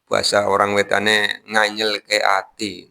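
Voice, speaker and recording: A male preacher with a Javanese accent and a bright, forceful tone delivers a morning Quran lecture. He works through Arabic verses phrase by phrase, drops in homely jokes, and turns to address the congregation directly. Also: on the low side, completely flat delivery, unhurried, vocal fry, clean tone. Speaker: Islamic preacher.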